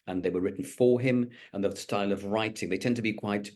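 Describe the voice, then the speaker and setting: In a lowish, darkish voice with fairly even intonation and a fairly quick pace, a middle-aged man from Wales answers interview questions. The stage actor has a light Welsh accent and is thoughtful, often restarting and using fillers.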